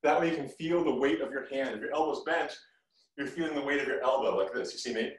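A fast-talking middle-aged man with a medium-pitched voice runs a live kung fu class, mixing quick instructions with encouraging remarks. His camera is across the medium-sized living room, making the audio distant and reverberant.

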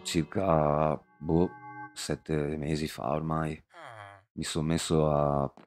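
A man's voice: extremely low pitch, flat delivery, extremely slow, darkish tone, faint music behind. A young man chatting casually to his viewers while streaming a game, rambling through personal anecdotes. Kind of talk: casual live-stream chat while gaming.

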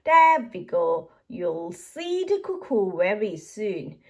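A woman voicing a kindly, patient father pig in a children's storybook, in a slightly lowered, calm explaining tone. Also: slow, slightly rough, exaggerated voice. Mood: jolly. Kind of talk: children's storybook read-aloud.

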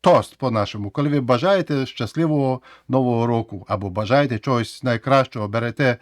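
A man with a Ukrainian accent gives a casual English lesson at a middle pitch. He explains patiently and repeats each word several times so learners can practise. The sound is dry and close, with no room echo. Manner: explains slowly, repeats words for drill. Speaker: English teacher.

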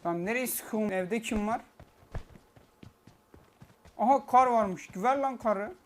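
A man giving excitable, swearing live gameplay commentary on a cheap microphone. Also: high voice, slow, slight background noise. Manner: excitable, shouting, swearing, repeating himself. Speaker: gameplay streamer. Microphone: cheap poor-quality microphone. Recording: loud gunfire over a cheap mic. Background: loud game gunfire and clicks.

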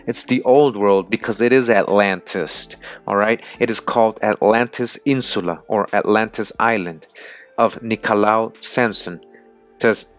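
A man's voice: on the low side, a bit bright. A man hosting a video, reading excerpts from books aloud and commenting emphatically, often checking in with "all right?" and restating his points. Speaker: video host.

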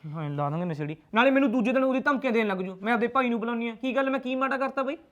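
In film drama dialogue, an actor plays a hot-tempered young husband who argues defensively and resentfully with his mother. His voice is extremely high-pitched, expressive, racing, and a bit bright.

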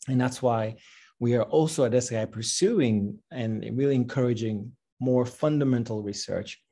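A man in his forties hosting and introducing a speaker on a video call, talking in a halting, friendly way. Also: lowish voice, vocal fry, husky. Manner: warm, halting, with restarts and laughs. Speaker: host. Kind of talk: casual spoken introduction. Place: home room with bookshelves.

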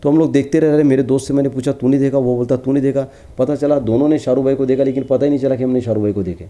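A middle-aged man telling stories in an interview, lively, and acting out the lines of the people he quotes. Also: medium pitch, racing. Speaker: celebrity lookalike actor interviewee. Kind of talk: casual storytelling interview.

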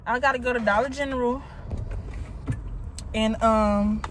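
A woman vlogging casually to her phone in a car, talking fast and loose, peppering everything with "like" and "y'all.". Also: a little high, steady tone, a little hiss or hum. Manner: chatty, fills with "like" and "y'all", quick to exasperation. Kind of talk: casual chat to camera. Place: inside a car. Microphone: phone propped up in the car.

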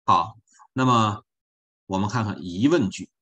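A man's voice: lowish voice, unhurried, sharp tone. A man teaching an online French class, folksy and joking, repeating his points.

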